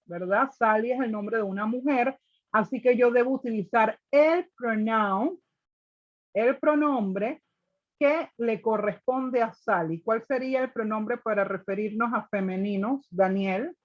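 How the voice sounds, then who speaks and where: A woman teacher leads an online grammar class over a video call, her slightly high voice patient and methodical. She keeps checking in with her students. The audio is dull and lo-fi. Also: unhurried. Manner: patient, step by step, often checking with "ok?". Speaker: English teacher. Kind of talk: online class explaining grammar, mixing Spanish and English.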